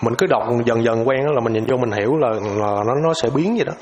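A man explains a lesson in a loose, informal way. He hesitates often and repeats filler words while he searches for the next point. His voice sits at an ordinary middle pitch, with a faint hiss underneath. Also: fast, highs cut off. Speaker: teacher.

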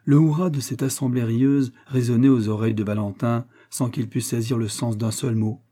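A man narrating a classic novel as an audiobook in a measured, even reading. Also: medium pitch. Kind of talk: scripted literary narration.

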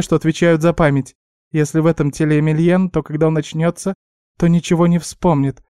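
A man doing a shrill bossy guinea pig girl. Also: no room sound, studio quality, lightly acted. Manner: loud, excitable, fussy and scolding. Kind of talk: audiobook character voice.

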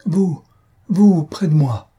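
A man's voice: mid-range voice, moderate pace, dark tone, slightly rough. A man voicing a feverish young man in love, eagerly pleading with the woman at his bedside. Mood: ardent.

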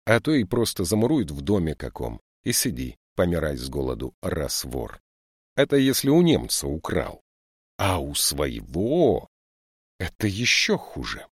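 A man's voice: sits low, huge pitch swings, unhurried, slightly rough, no room sound, studio quality, exaggerated voice. A man voicing a stern, scolding woman lieutenant. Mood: lecturing. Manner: strict, scolding, lecturing. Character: stern stocky woman police lieutenant, severe. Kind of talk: audiobook character voice.

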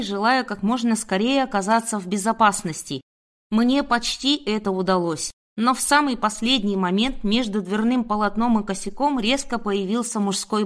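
Female audiobook narrator, measured first-person delivery. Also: mid-range voice.

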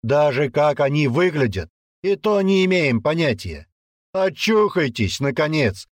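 A man voicing a gruff, brutal old male warrant officer who barks and taunts loudly. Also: a little high, big pitch swings, a little slow, no room sound, studio quality, voice pushed up. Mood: commanding. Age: older. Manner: barking, taunting, loud.

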